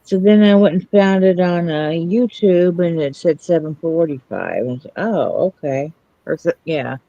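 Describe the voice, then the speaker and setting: A woman's voice: on the low side, moderate pace, warm tone, dry recording, lo-fi sound. A woman chatting casually as the co-host of a livestream. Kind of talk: casual chat.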